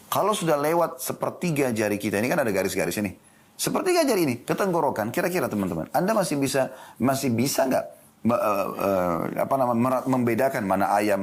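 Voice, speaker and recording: A man's voice: medium pitch, slightly rough. A man giving an Islamic lecture in a studio, asking his listeners questions and answering them himself. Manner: lively, rhetorical questions to the audience. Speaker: Islamic preacher.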